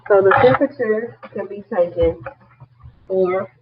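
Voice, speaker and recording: Male nursing instructor, online lecture, husky high voice, explanatory with light humor, tinny lo-fi sound. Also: a little slow, heavy background noise. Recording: tinny phone-like audio.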